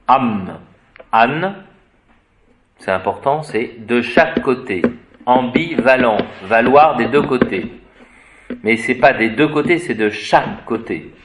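A man giving an unscripted etymology lesson, spelling words out letter by letter and pausing to search for the right term. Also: medium pitch. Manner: hesitant, searches for words with fillers. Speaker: etymology teacher.

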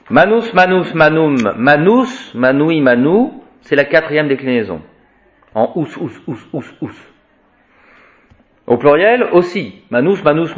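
A man gives a slow spoken Latin grammar lesson. He chants each declension in a rising and falling sing-song, his pitch moving widely. The recording sounds dull and lo-fi. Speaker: Latin teacher.

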